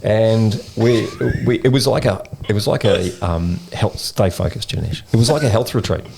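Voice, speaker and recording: A man with an Australian accent telling a long story in a rambling, animated way, full of slang, as a podcast co-host. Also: fairly low pitch, normal speed, gravelly, background noise. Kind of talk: casual storytelling chat. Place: in-person podcast recording.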